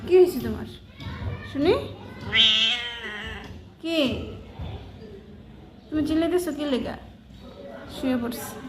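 A woman coos at her cats in fond baby talk, asking them the same soft questions over and over. Her voice sits high. A faint hiss runs under the home recording. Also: slow, pauses often. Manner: cooing, coaxing, repeating questions. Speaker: cat owner.

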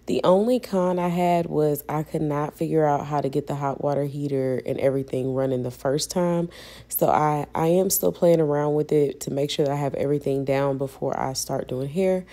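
Woman vlogger, young adult, low mellow voice, chatty, calls viewers y'all. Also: steady tone, moderate pace. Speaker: vlogger and hairstylist. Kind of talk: casual voice-over vlog narration.

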